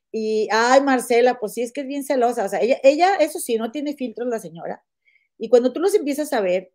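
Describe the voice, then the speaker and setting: A woman hosting a casual gossip podcast, chatty and animated, often calling her listener "comadre". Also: mid-range voice. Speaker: podcast host.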